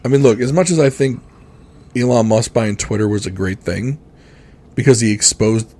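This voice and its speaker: A man's voice: medium pitch, normal speed, mellow. A man in his forties co-hosting a podcast, talking bluntly and ramblingly with plenty of swearing. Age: 40s. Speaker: podcast co-host. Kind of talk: casual podcast chat.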